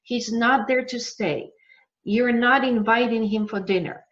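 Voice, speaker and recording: A woman business coach giving a live online masterclass, emphatic and motivational, slowing down to stress key words. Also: on the high side, highs cut off.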